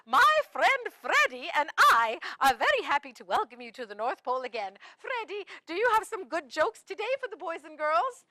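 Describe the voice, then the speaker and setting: A woman's voice: very high voice, big pitch swings, moderate pace, few pauses, bright, forceful tone, no room sound, heavily acted. A woman playing a cheerful, kindly Mrs Claus in a children's show, with a sing-song, laughing voice. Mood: cheery. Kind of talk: children's show role-play.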